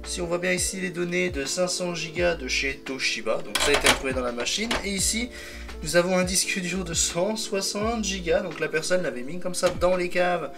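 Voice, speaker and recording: A man's voice: high voice, a little fast, over music. A man presenting a casual hands-on tech vlog, talking as he takes apart a computer, rambling and correcting himself often. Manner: rambling, self-correcting, fond of "donc". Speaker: tech video creator.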